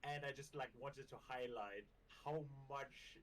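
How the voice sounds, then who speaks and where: A man's voice: mid-range voice, a little slow, a bit bright. Male guest, casual chat, hesitant, distant from mic, faint background noise. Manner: hesitant, lots of "like" fillers. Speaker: guest card designer.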